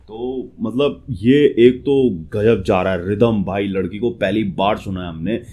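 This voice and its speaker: Relaxed young man, mellow mid voice. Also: on the low side, measured pace. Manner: relaxed, praises lyrics and rhythm with fillers. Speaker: co-host of a rap reaction channel. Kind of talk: casual Hindi-English reaction chat.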